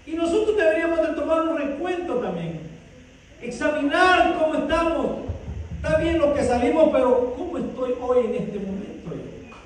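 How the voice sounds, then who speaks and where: A male pastor preaching a sermon with fervor, swinging between loud calls and soft asides. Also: extremely high pitch, big pitch swings, normal speed. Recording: echoey hall, distant mic, faint noise.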